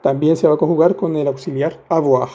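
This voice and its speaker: A man's voice: a little high, fairly even intonation, fairly quick, dark tone. A man teaching French grammar step by step, patient and playful, often asking the listener questions as he goes. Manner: patient, asks rhetorical questions, playful asides.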